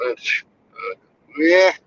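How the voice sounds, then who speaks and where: A man's voice: fairly high pitch, big pitch swings, very slow, noisy background. A man calling in to a livestream chat show as co-host. He rambles loosely, full of fillers, and his voice keeps glitching and cutting in and out over the call line. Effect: glitchy breaking-up call line, cutting in and out. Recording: dull lo-fi call audio.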